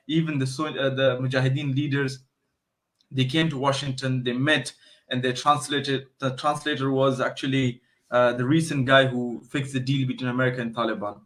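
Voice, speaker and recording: A man's voice: mid-range voice, flat delivery, normal speed, a bit bright. A man, a guest in a casual interview, explaining history and telling stories with frequent restarts. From Afghanistan.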